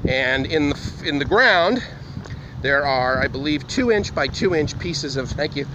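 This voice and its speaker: This male vlogger has a fairly high voice with lively intonation and speaks at a measured pace. He chats to the camera while strolling across a university campus, wandering off topic and frequently correcting himself, with wind noise throughout the outdoor recording.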